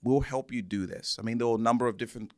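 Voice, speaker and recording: Very fast and darkish in tone, this medium-pitched man speaks as an interview guest in a dry, studio-quality recording. He is a church minister from Zambia telling personal stories earnestly and repeating words for emphasis.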